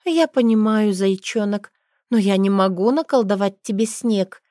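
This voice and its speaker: A woman voicing a gentle, weary young mother. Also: on the high side, a little slow, dry recording, studio quality, pitched above the performer's own voice, natural voice. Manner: soft, patient, coaxing. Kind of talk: audiobook character voice.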